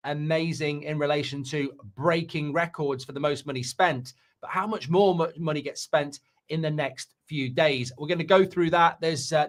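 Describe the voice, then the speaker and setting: A man hosting a casual football chat stream, talking at length with frequent fillers and restarts. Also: fairly high pitch. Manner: talkative, hesitant with fillers and restarts. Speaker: football channel host.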